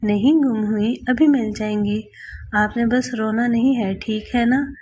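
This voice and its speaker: A woman voicing a kind, playful young woman doctor who talks gently and affectionately to a small child. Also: a little high, steady tone, measured pace, breathy edge. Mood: gentle.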